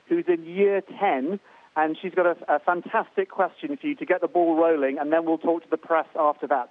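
High-pitched man hosting over tinny link. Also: no room sound. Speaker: event host. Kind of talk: live event presenting. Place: science festival venue with an audience. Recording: tinny, dry radio link.

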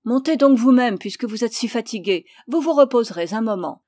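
A reserved, awkward young gentleman who speaks in brief, plain phrases, as a woman reader voices him. Her tone is mellow and the recording is dry. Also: on the high side, animated, fairly quick, no room sound. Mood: curt. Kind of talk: audiobook character voice.

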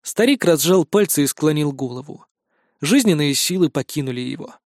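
Guy reading a fantasy audiobook, high voice, really dramatic, dry close sound. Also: lively intonation, normal speed, a little mellow, no echo. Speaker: narrator. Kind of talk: audiobook narration.

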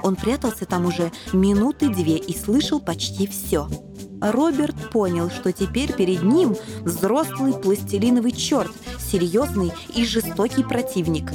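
A woman narrating a children's fairy tale audiobook in a measured, even storytelling manner. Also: mid-range voice.

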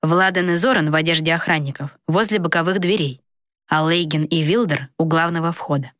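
Female storyteller, low-ish voice, steady read, dry booth sound. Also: brisk, dry recording. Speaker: narrator. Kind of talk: audiobook narration. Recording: dry close recording.

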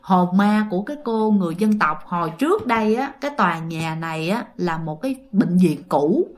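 A woman voicing an old male night guard, telling things in a low, grave way. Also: lively intonation, fairly quick, close to an everyday voice.

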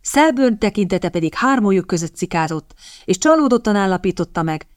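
A woman reading an audiobook in a measured, even scripted narration, recorded close on a studio mic. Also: mid-range voice, dry recording.

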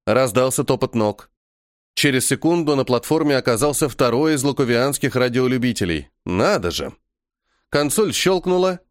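Man, audiobook narrator, expressive, very lively pitch, dry close sound. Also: dry recording. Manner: expressive storytelling. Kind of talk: first-person audiobook narration.

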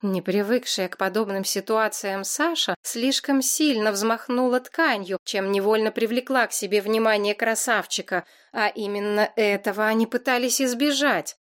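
A woman narrating a fantasy novel in a steady, lively storytelling voice. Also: on the high side, a little slow. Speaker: audiobook narrator.

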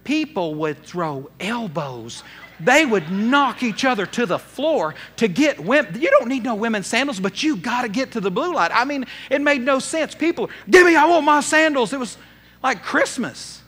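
Animated high-voiced male pastor. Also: moderate pace, husky. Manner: animated storytelling with swings between loud and soft. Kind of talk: sermon.

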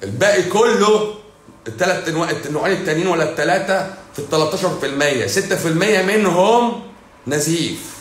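A man's voice: fairly high pitch, expressive, fast, a bit bright, reverberant. A man with an Egyptian Arabic accent, a doctor hosting a livestream who answers viewer comments in a blunt, sarcastic, scolding way.

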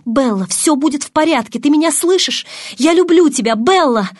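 A woman's voice: medium pitch, unhurried, husky, no echo. Desperate young man, pleading, urgent, raised voice, dry sound, read by a woman. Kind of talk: audiobook reading.

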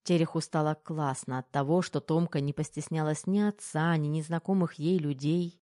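A woman narrating a novel in an even, unhurried storytelling manner. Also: sits low, dry recording, clean studio sound. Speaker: audiobook narrator. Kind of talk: scripted narration.

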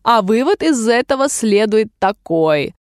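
A woman's voice: on the high side, expressive, a little slow, dry recording, studio quality. A woman voicing a preachy, fawning old duchess in a storybook reading, lecturing with sugary moral lessons.

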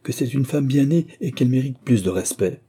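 A man's voice: medium pitch, animated, fairly quick, mellow, breathy edge, voice pushed up. A man voicing a mild, easygoing middle-aged innkeeper in an audiobook reading. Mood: placating.

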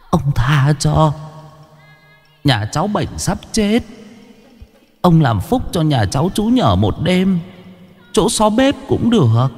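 A man voicing a poor, tearful peasant woman who begs for shelter in a high, pleading voice. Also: vocal fry, darkish tone, no room sound.

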